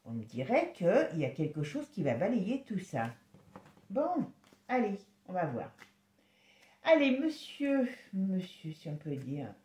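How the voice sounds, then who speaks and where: A woman giving a casual tarot reading, chatty and exclamatory, sometimes dropping to a soft murmur. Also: lowish voice, wildly swooping pitch, echoey room. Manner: chatty, exclamatory, halting with restarts; drops to a soft murmur when concentrating. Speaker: tarot reader.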